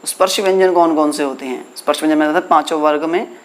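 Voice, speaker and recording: A man teaching a Sanskrit lesson in Hindi, asking his students questions and answering them himself, drawing out the letters slowly. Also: a little high. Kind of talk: classroom lesson explaining exercises.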